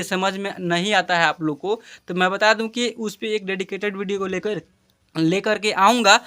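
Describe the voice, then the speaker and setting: Guy teacher going slow over letters n words, keeps asking clear?, bright crisp voice. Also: high-pitched. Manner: slow, spelling out letters and sounds, repeating words, checking with "clear?". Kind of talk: reading lesson for beginners.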